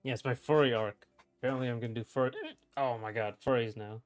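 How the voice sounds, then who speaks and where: A man's voice: medium pitch, fairly even intonation, quick pace, faint music behind. A man in his thirties, hiccuping through a casual livestream chat, reading chat aloud with wry, blunt remarks. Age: 30s.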